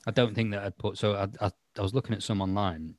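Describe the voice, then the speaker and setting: Low-voiced man chatting casually. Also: steady tone, fast talker, a little mellow, no echo, studio quality. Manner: rambling, self-mocking, many fillers. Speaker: podcast host. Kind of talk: casual chat.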